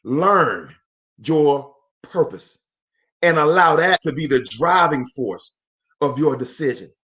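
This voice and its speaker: Man in his 40s doing a live motivational talk, preachy cadence, keeps repeating lines, pretty high forceful voice. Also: animated, slow. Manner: fervent, repeats phrases for emphasis, calls out to viewers. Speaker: motivational speaker and host.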